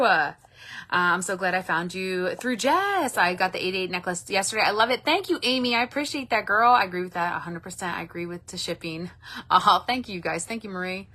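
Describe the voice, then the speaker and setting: A woman in her late thirties, whose voice is on the low side with a sharp tone, hosts a casual livestream. She talks candidly and chattily, reads out viewer comments, and lets slip the odd swear word.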